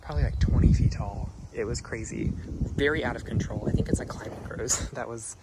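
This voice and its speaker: Here a man with a medium-pitched, fry-tinged voice talks fairly quickly as he shows off a client's garden. It's a laid-back walkthrough vlog full of ums and gushing praise for the plants, recorded outside amid loud wind and traffic.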